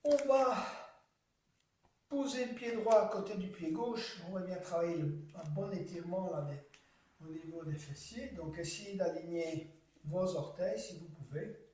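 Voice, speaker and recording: A man guiding a yoga class, giving slow, calm cues timed to the breath. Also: high-pitched, slight background noise. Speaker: yoga teacher. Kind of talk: guided yoga class instruction. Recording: echoey room, voice from far off.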